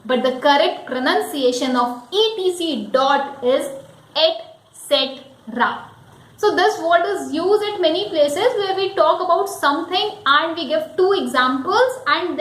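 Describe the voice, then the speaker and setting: A woman's voice: very high voice, roomy sound, low-quality recording. A woman giving a careful pronunciation lesson, spelling words out letter by letter. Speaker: English teacher.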